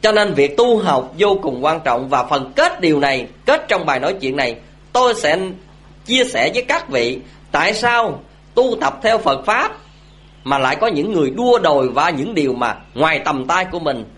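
A man's voice: on the high side, big pitch swings, moderate pace, fairly bright tone. A man giving a Buddhist dharma talk, telling a story and asking his audience questions. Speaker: Buddhist speaker.

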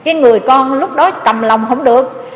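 A Buddhist nun preaches a sermon in a high, fairly quick woman's voice, using emotive storytelling and often speaking directly to her listeners. The hall is echoey and the sound is dull and lo-fi.

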